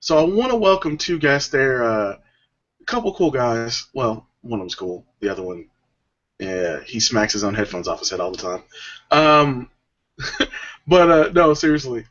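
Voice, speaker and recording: A man's voice: medium pitch, lively intonation, normal speed, a bit bright. A man hosting a podcast, telling stories in a laid-back, rambling way with lots of fillers. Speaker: podcast host. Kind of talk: casual podcast chat. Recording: dull lo-fi audio.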